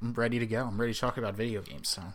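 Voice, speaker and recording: A man co-hosting a casual podcast, playful and quick to riff on jokes. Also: mid-range voice, level tone, slight background noise. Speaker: podcast co-host.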